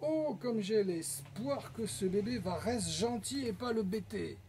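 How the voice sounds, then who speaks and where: A man's voice: high-pitched, animated, measured pace, darkish tone, slight background noise, voice pushed up. A man playing a greedy wicked puppet, Plichinelle. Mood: wheedling.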